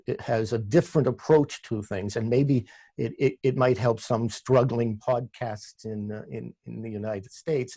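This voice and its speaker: A man's voice: medium pitch, mellow, dry recording. A man with a Canadian accent, a radio producer talking as a guest in a casual interview, often restarting and repeating words.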